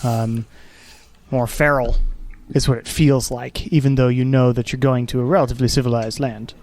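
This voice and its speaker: Halting man narrating as game master. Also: mid-range voice, fairly even intonation, darkish tone. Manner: halting, searching for words as he describes scenes. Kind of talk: improvised tabletop game narration and casual chat.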